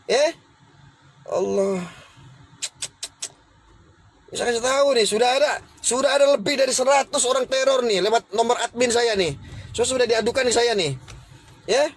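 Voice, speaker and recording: High-voiced man ranting defiantly on livestream. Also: moderate pace, pauses often, slight background noise. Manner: confrontational, defiant, scolding. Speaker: livestream host. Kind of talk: heated livestream rant.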